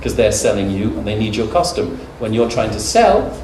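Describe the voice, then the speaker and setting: Here a middle-aged UK man with a lowish, slightly mellow voice delivers a very animated conference talk at normal speed. His style is humorous and conversational, peppered with stories and filler words. Sound is echoey, picked up far off in a conference hall with faint background noise.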